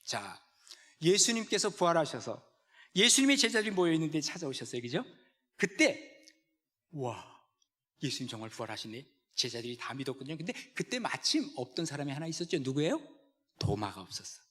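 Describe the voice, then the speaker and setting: A male pastor preaching a sermon in a church, animated and constantly quizzing the congregation. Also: a little high, brisk. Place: church sanctuary.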